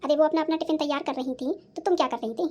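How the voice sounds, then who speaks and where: A sarcastic, self-pitying old mother-in-law in a cartoon who scolds her daughters-in-law, played by a woman. Her voice sits high. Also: steady tone, very fast, mellow, close to an everyday voice. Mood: scolding. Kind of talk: cartoon voice acting.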